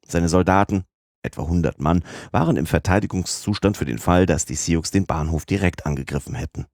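A man narrating a classic adventure novel as an audiobook in a measured, even storytelling manner. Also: sits low, dry recording, studio quality.

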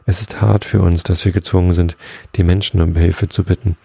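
A man's voice: low voice, level tone, a little fast, gravelly, mellow, slightly rough, no echo, exaggerated voice. A man voicing solemn, worried old male elk elders in a read-aloud story. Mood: grave.

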